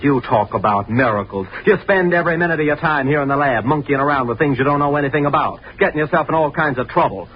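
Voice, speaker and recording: A man's voice: fairly high pitch, quick pace, hardly any pauses, lightly acted. An actor playing a brash, dismissive young fraternity man, blunt and slangy, in a 1930s radio drama. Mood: scornful. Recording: dull, noisy 1930s radio recording.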